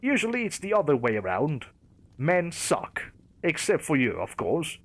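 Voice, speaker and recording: A man's voice: fairly high pitch, huge pitch swings, moderate pace, dry recording, full character voice. A man voicing a blunt, teasing young woman on a diner date in a creepypasta narration.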